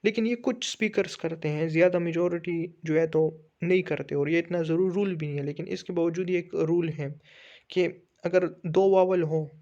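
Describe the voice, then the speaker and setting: A man teaching English pronunciation in Hindi, explaining step by step with frequent fillers and slowly reading out English definitions. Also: fairly high pitch, steady tone, a little mellow, lo-fi sound. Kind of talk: English phonetics lesson in Hindi.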